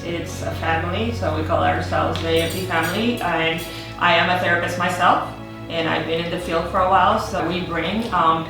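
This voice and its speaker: A middle-aged woman, a therapist and co-owner, answering interview questions in an upbeat way with frequent ums. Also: fairly low pitch. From Puerto Rico. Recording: echoey room, distant mic, music behind.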